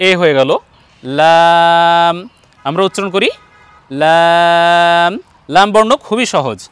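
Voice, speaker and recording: A man's voice: high-pitched, animated, a bit bright, no room sound. Patient Bengali-accented male Quran teacher. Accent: Bangladeshi Bengali. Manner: slow, patient, drawn-out letter demonstrations. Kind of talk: online Arabic letter pronunciation lesson.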